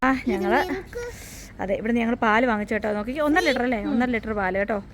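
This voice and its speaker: A woman's voice: fairly high pitch, fast talker. A woman on a casual vlog walking through a farm at dusk, chatty, who keeps pointing things out to her viewers. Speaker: family vlogger.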